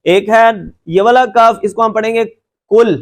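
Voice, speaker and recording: A man's voice: high voice, steady tone. A man teaching Quran recitation in a lecture, patiently repeating points and stretching out letter sounds to demonstrate them, with a reassuring tone. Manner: reassuring and encouraging. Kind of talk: classroom lecture with slides.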